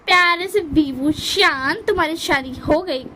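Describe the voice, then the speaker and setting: Lady doing mocking sarcastic guy, loud and high. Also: unhurried, slight background noise, heavily acted.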